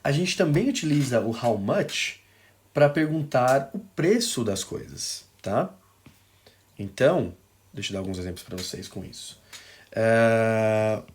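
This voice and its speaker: Speaking with a Brazilian Portuguese accent, a man teaches an English lesson on video, explaining things slowly through examples and often checking in with a quick "ok?". His voice is mid-range with a darkish tone.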